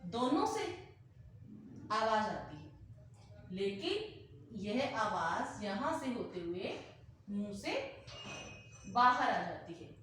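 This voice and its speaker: A woman teacher explaining a grammar lesson slowly, repeating example words aloud to demonstrate. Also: mid-range voice, big pitch swings, a bit bright, a little hiss or hum. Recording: very echoey room, heard from a distance.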